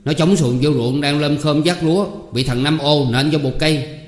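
A man's voice: on the high side, steady tone, moderate pace, pitched above the performer's own voice, close to an everyday voice. A man playing a sneaky young male farmhand who tells tales, in a storybook reading in an echoey room. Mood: eager. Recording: echoey room, long reverb.

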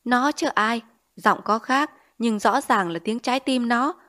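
A woman's voice: on the high side, a little slow, a bit bright. A woman voicing a knowing duck who speaks wryly and tenderly, close to her own voice. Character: knowing old duck, wry and gentle.

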